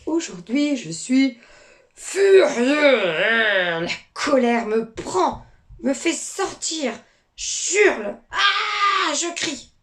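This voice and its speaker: A woman voicing a little fish that tells its feelings, in whispered role-play, slow, soft and drawn out. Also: on the high side, animated, heavily acted. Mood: angry.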